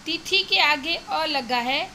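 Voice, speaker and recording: A woman with a Gujarati accent, teaching Hindi and explaining an exercise to students slowly and steadily, slipping English words into her Hindi. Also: high voice, pushed and bright, a little hiss or hum, rough recording.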